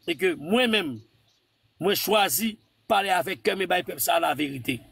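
Man, breathy high voice, live host, repeats himself to interrupt, preachy. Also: moderate pace, a bit bright, no echo. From Haiti. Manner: insistent, repeats words to cut in; preachy, quotes scripture. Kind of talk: heated live call-in debate.

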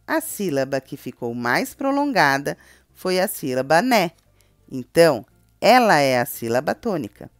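A Brazilian woman teaching a children's grammar lesson, calling out example words in a drawn-out, sing-song voice. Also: low voice, sing-song, no echo, clean studio sound, faint music behind. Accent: Brazilian Portuguese.

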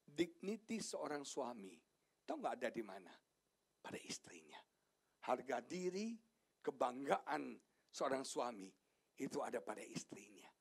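Lively, husky-voiced preaching man. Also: mid-range voice. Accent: Indonesian. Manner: animated preaching, swings from shouts to hushed asides; jokes with the congregation, asks them questions. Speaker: pastor. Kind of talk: sermon. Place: church sanctuary.

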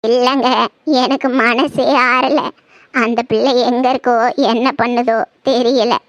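A woman voicing a grieving old village grandmother in a cartoon, talking slowly in a lamenting way. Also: fairly high pitch, flat delivery, dry recording, natural voice. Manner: slow, mournful, lamenting. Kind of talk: cartoon voice acting.

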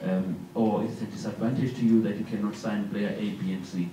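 A man's voice: on the low side, fairly even intonation, fairly quick, noisy background. A man, a sports journalist asking a long multi-part question at a press conference. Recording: echoey room, far from mic.

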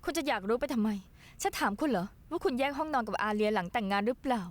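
A woman's voice: a little high, lively intonation, fast talker, natural voice. An actress dubbing a lonely, heartbroken young woman who speaks in a pleading, tearful way in a drama. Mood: bitter. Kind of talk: Thai dubbed drama. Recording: noisy soundtrack behind dialogue.

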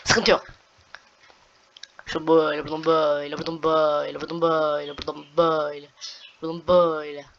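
A young woman giving casual commentary on her gameplay, excitable and talking to the game, repeating words as she plays. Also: deep voice, brisk, pauses often, muffled recording. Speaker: gameplay streamer.

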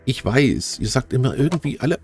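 A man giving chatty, casual commentary while playing a game, talking straight to his viewers and getting easily excited. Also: mid-range voice, fairly quick, music in the background. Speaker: let's play host.

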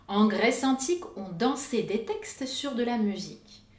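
A woman narrating an educational video as host, with a clear, didactic delivery. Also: fairly high pitch, lively intonation, measured pace, roomy sound. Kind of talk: scripted explanatory narration.

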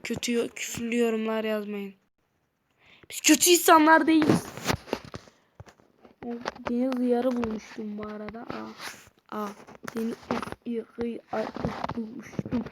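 A woman giving casual, rambling let's-play commentary and chatting to her viewers while she plays. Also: on the high side. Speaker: gamer. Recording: noisy home mic with clicks.

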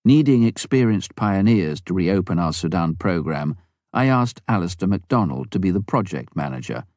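Here a man reads a memoir as an audiobook, his voice deep and warm, his pace measured and steady. It's miked closely and dry, with no echo or room sound.

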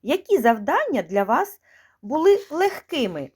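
A kindergarten teacher with a high voice that rises and falls widely. She talks slowly, in a sing-song way, repeating each word clearly for little children. The room is echoey. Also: sing-song, a little mellow. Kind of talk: speech lesson for young children.

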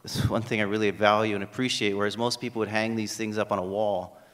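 A man's voice: lowish voice, flat delivery, fast, a bit bright. A middle-aged man from Hawaii with a Hawaiian accent, giving a conference lecture at a podium with plenty of ums and uhs. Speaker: history professor giving a talk. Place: university lecture hall at a podium. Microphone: podium microphone. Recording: reverberant lecture hall.

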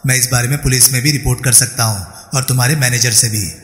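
A man voicing a sharp-tongued male investigator who scolds and sweetly mocks, in a story reading. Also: medium pitch, steady tone, fast, lightly acted. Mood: stern, mocking. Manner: scornful, then sweetly condescending. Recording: roomy reverberant room, faint music.

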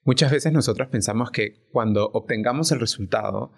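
Un hombre invitado a un pódcast que habla de forma sincera y reflexiva, y que busca a menudo la confirmación de su interlocutora. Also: male voice, mid-range voice, normal speed, vocal fry, slightly rough. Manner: earnest, reflective, often checks in with "¿no?". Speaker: podcast guest. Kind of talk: casual podcast conversation.

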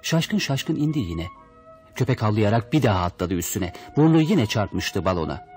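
A man's voice: fairly low pitch, sing-song, moderate pace, darkish tone, soft background music. A man reading a children's story aloud, expressively voicing the characters' lines. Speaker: audiobook reader. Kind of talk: storybook narration.

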